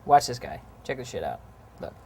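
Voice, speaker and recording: Animated, profane male co-host. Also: medium pitch, fairly quick, vocal fry, slightly rough. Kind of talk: casual chat.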